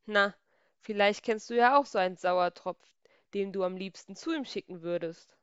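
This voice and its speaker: A woman reading a children's story aloud, slow and expressive, with emphatic stresses. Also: mid-range voice, clear, resonant tone, no room sound. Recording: slightly dull, dry recording.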